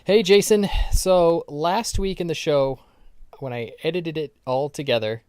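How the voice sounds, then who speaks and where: A man co-hosting a casual podcast, meandering through an anecdote with frequent ums and restarts. His voice is smooth and clear, recorded close and dry. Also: fairly high pitch, a little slow, a little mellow, no room sound. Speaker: podcast co-host. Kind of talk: casual chat.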